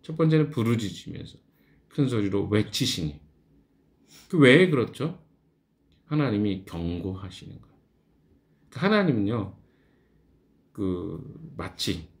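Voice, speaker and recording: A middle-aged male pastor with a lowish, creaky voice leads a morning devotional Bible study. He talks conversationally and answers his own questions.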